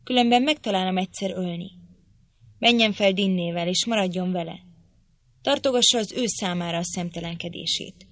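A woman voicing a furious, domineering middle-aged man who shouts threats, in an audiobook reading. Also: on the low side, no room sound, lightly acted. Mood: cold threatening.

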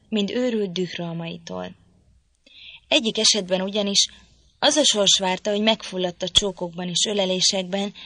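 A woman narrating an audiobook in a calm, measured storytelling voice. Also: mid-range voice, dry recording. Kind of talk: scripted narration.

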